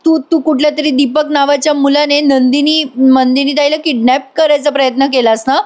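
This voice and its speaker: A woman's voice: high-pitched, fairly even intonation, normal speed, a little mellow, pitched above the performer's own voice, close to an everyday voice. A woman voicing a frightened young girl who stammers and pleads. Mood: scared. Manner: scared, stammering.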